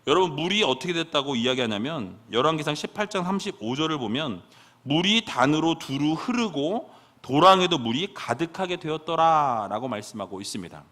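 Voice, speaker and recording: A man's voice: fairly high pitch, sing-song, fairly quick, a bit bright. A man preaching a sermon who keeps asking the congregation rhetorical questions.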